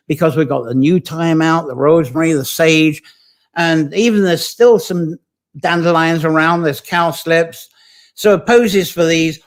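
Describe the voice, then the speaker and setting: A man hosting a live online folklore session, talking in a chatty, digressive way and stopping to greet viewers and read their comments. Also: fairly high pitch. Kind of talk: informal live-streamed folklore talk.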